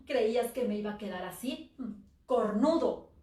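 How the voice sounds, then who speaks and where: A desperate young wife who begs and rages in a high, shrill, tearful voice, as a woman storyteller acts her out. The sound echoes around a big room, and the mic sits some way off. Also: expressive, unhurried, dark tone. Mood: furious. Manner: pleading, shrill and sobbing. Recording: roomy echo, from far off the mic.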